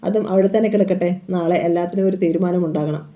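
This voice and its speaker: A narrator doing a fierce, scornful middle-aged strongman who spits out threats louder than the narration, in an audiobook-style crime reading. The sound is muffled and lo-fi. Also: medium pitch, quick pace, natural voice. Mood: defiant. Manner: menacing, taunting threats. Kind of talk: dramatic novel reading.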